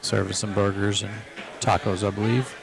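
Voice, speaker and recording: A man calls a pool match live from inside a pool hall, one table from the players. His voice sits low with a gravelly fry, and he explains each shot calmly, often repeating himself. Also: moderate pace. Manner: relaxed, explanatory, repeats phrases. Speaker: pool commentator. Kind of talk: live play-by-play commentary.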